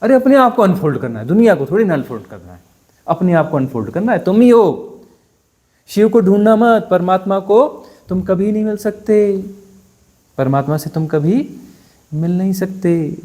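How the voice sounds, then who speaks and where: A spiritual teacher giving a satsang discourse, talking conversationally and bluntly, often pausing to ask his listeners for agreement. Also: high-pitched, animated, dark tone. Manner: conversational, keeps asking "है ना?" for assent; blunt and dismissive, mocking.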